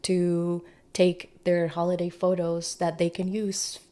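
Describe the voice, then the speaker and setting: A woman's voice: fairly low pitch, little pitch movement, slow pace, mellow. A woman speaking conversationally as an interviewed real estate agent, earnest and encouraging.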